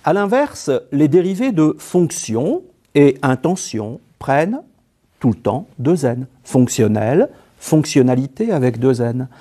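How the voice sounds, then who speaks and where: A man narrating a scripted spelling lesson in a slow, measured way, spelling out letters one by one. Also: medium pitch, very animated, mellow, husky. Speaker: French spelling teacher.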